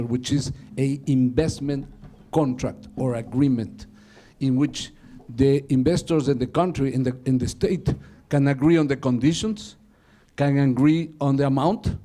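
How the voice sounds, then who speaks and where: Panelist: man from Ecuador, corporate lawyer, mellow tone, concise and structured. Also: medium pitch. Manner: concise, structured, speaks with slight slips. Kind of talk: panel presentation.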